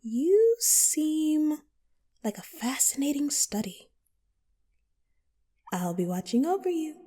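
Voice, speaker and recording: Girl doing a playful riddling wonderland cat lady, high soft mellow voice, takes her time, music behind. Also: very animated, exaggerated voice. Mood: welcoming, intrigued. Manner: playful, coy, drawn-out phrasing with whimsical wordplay. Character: teasing, riddling female Cheshire cat of Wonderland. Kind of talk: scripted audio roleplay addressed to the listener.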